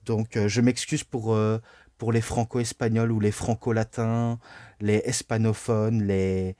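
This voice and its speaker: Slow, hesitant man with a mellow voice. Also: on the low side, little pitch movement, no room sound. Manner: hesitant, full of "euh" and "ben" fillers; apologetic, self-correcting. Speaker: wrestling show reviewer. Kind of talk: casual solo review monologue.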